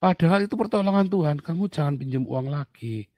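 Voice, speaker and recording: Animated Indonesian man preaching, dry sound. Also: on the high side, a little fast, no echo. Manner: animated storytelling, acting out voices of people and God. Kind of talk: sermon-style Q&A teaching.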